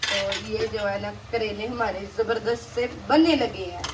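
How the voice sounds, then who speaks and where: A woman with a sore, hoarse voice hosts a casual home cooking video and chats on, looping back to the same filler phrase. She is recorded in a home kitchen, with dishes, pots and cutlery clattering clearly in the background. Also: medium pitch, steady tone, unhurried, slight background noise, low-quality recording. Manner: chatty, repeats "jo hai na" often. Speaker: cooking channel host.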